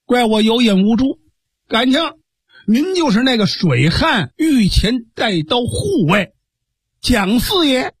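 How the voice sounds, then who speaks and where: A man's voice: very high-pitched, very animated, takes it slowly, husky, dry recording, studio quality, voice pushed up, heavily acted. A man voicing a short, skinny, wily male village constable who talks in a sly, chuckling, wheedling way. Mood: fawning.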